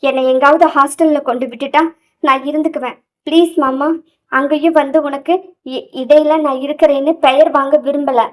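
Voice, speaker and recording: A woman's voice: high voice, fairly even intonation, moderate pace, close to an everyday voice. Give me a tearful, pleading young wife as a woman narrator voices her.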